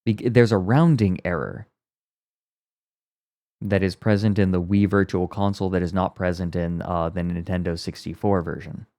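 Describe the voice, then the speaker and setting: Streaming casually, a man reacts to a video, rambling and explaining with wry asides while recording under a blanket for sound deadening, which muffles his voice. He speaks at normal speed with a low, darkish voice and fairly even intonation. The close mic sits inside his blanket fort, and the sound is clean and studio-like with no room sound.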